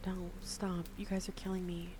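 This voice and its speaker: A woman's voice: on the low side, monotone, moderate pace, noisy background. A woman hosting a whispered ASMR gaming stream with casual chat, speaking in a playful, giggly, slangy way. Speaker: streamer and host.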